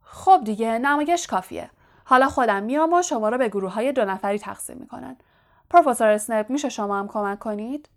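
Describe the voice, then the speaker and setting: A woman's voice: on the high side, expressive. A woman voicing a vain, boastful male wizard teacher in an audiobook, talking in a showy, self-satisfied way and projecting grandly. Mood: flustered bragging. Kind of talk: audiobook character voice.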